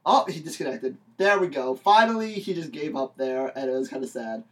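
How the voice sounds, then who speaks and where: A young man co-hosting a podcast, playful and quick to laugh in casual banter. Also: fairly high pitch, lively intonation, distant mic. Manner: giggly and playful. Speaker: podcast co-host.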